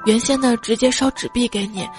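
A woman with a fairly high voice runs a casual joke show, reading out short funny stories with a playful, giggly delivery. Soft music plays faintly behind her. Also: fairly even intonation, fairly quick. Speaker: podcast host.

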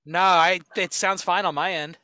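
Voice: mid-range voice, fairly even intonation, pushed and bright, a little hiss or hum. A podcast co-host in casual chat who rambles with lots of "like" and laughs easily. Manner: rambling, full of "like", quick to laugh.

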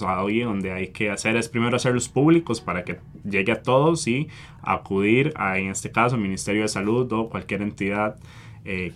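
Earnest Costa Rican man, lowish voice. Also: fairly bright tone, a little hiss or hum. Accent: Costa Rican Spanish. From Costa Rica. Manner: earnest, hesitant with frequent fillers. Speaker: environmental activist guest. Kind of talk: interview answers.

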